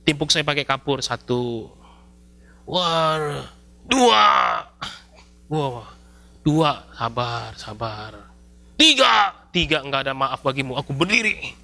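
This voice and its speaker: A male pastor, preaching a sermon in a lively, storytelling way with casual slang. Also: medium pitch, a little slow. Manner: lively storytelling, acts out scenes with shouts and mock voices; casual colloquial Jakarta-style slang mixed in.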